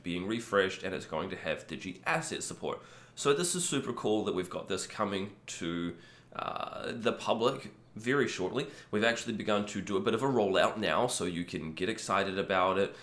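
A man in his thirties with a croaky, cold-affected voice, casually hosting a screen-share tutorial in an easygoing, informal way. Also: lowish voice, a bit bright. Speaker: video host. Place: small room indoors. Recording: echoey untreated room.

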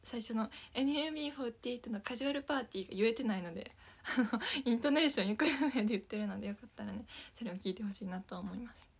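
A woman's voice: a little high, rapid-fire, creaky, slightly rough. A young woman with a Kansai accent chatting casually on a livestream, giggling often, dropping into whispers and thanking viewers by name. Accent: Kansai Japanese. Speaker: idol livestreamer.

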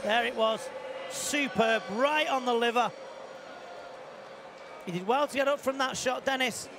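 A man giving excited live kickboxing commentary in short, punchy, repeated phrases. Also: very high voice, measured pace, noisy background. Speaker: fight commentator. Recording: loud arena crowd and music behind. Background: crowd and music.

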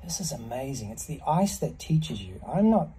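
A man in his fifties giving a reflective monologue to camera, speaking contemplatively in short, measured phrases with pauses between them. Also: mid-range voice, big pitch swings, mellow, slightly rough. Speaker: ice bath practitioner. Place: small block-walled semi-outdoor space, in an ice bath.

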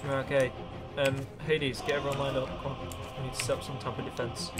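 A man of ordinary pitch narrates a role-play game and takes command of the squad, barking orders at the players. Clear background music plays under his voice chat. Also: little pitch movement, brisk.

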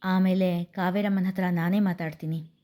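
A woman voicing a warm older mother who gently soothes her tearful daughter in a storybook reading. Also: lowish voice, steady tone, normal speed, lightly acted. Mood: soothing. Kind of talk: storybook narration.

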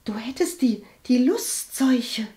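A woman reading an audiobook and voicing a flustered, gossipy young cousin with a high, stammering, indignant voice. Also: animated, takes it slowly, dark tone. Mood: whispering. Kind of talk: audiobook character voice.

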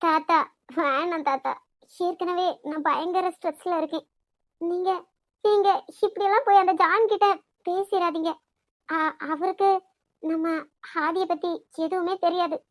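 A woman's voice: extremely high pitch, steady tone, a little slow, long pauses, no echo. A woman voicing a worried young woman in a cartoon, with a Kanyakumari Tamil accent, pleading and stammering. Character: anxious young woman, the granddaughter-in-law. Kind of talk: cartoon voice acting.

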